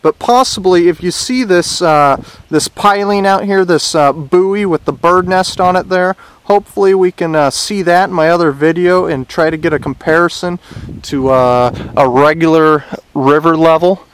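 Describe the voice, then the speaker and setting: Standing by a river, a man acting as a citizen reporter rambles through a casual report peppered with "uh" fillers. He speaks at normal speed in a clean voice on the high side, with loud wind and river noise in the outdoor recording.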